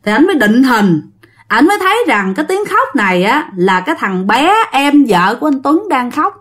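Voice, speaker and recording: A woman with a Southern Vietnamese accent tells a ghost story as if chatting with friends. She talks to her listeners often. Her voice is fairly high and moves widely between high and low for effect. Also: sing-song, moderate pace. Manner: dramatic swings in pitch and loudness. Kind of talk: casual spoken storytelling.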